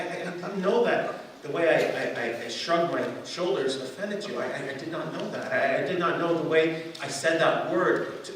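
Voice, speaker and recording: Pastor preaching in an echoey hall. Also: male voice, a little high. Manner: conversational, self-deprecating, repeats words when restarting. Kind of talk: sermon. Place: church sanctuary. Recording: echoey room, distant mic, faint hiss.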